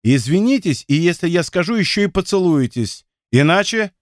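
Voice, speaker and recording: A young pilot who steps between squabbling friends and gives blunt orders, read by a male narrator. His voice is a touch high with lively pitch. The sound is close and dry. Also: moderate pace, dry recording. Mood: stern. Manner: firm, commanding.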